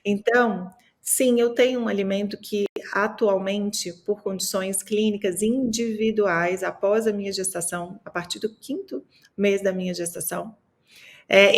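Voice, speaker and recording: A woman from Minas Gerais talking about food in a casual podcast chat, explaining with many fillers and tag questions. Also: medium pitch. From Minas Gerais, Brazil.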